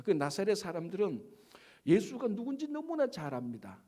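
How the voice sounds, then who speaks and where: Preaching man with a lively pitch. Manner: emphatic preaching with rhetorical questions, slowing for stress. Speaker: pastor. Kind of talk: sermon. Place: church sanctuary.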